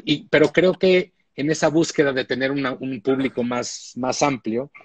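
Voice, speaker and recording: A man's voice: medium pitch, normal speed, slight background noise. A man, speaking as a showrunner guest in a casual live-stream interview, thoughtful and full of restarts. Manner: thoughtful, reflective, with frequent restarts. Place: indoor room at home. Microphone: phone or laptop on a video call.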